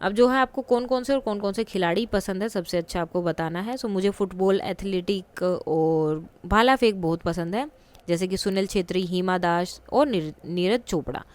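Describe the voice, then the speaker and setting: A woman's voice: mid-range voice, moderate pace. Patient woman teaching a lesson. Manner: patient, explains step by step with examples and checking questions. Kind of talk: explaining a textbook lesson.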